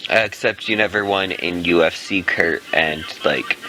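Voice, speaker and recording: A man's voice: low-pitched, slight background noise, low-quality recording. A man co-hosting a casual podcast, steering the chat and arguing back with blunt, profane remarks. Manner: animated, profane, quick to argue back. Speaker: podcast co-host steering the segments.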